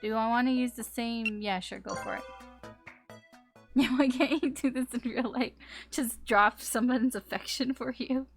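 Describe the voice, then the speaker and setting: Woman streamer, a touch high, casual, giggly let's-play chat over game music. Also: steady tone, moderate pace. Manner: chatty, often laughing, retells scenes in silly mock voices.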